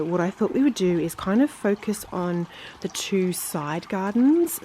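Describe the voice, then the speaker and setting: A woman with a low, darkish voice that sounds slightly nasal and congested is getting over an illness, her sinuses still bothering her. As a vlog host, she gives a chatty, casual tour of her garden outdoors. Slight background noise can be heard.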